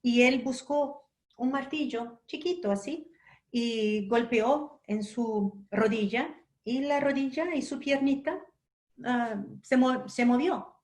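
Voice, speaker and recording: A woman from Brazil gives a spiritual lecture, her voice sitting a little high. She tells a personal story gently and without hurry, dropping soft asides as she goes. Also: slow.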